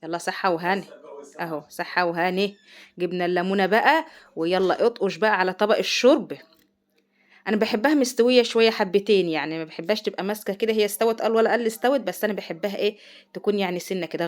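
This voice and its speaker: A middle-aged Egyptian woman chatting rapidly through a home cooking vlog, exclaiming over the food. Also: mid-range voice. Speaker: vlogger, mother. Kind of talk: casual cooking vlog chat. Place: home kitchen.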